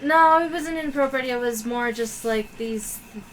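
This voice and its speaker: Woman, tabletop player, chatty, laughing, fairly high pitch, background noise. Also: moderate pace, rough recording. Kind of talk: casual tabletop game chat.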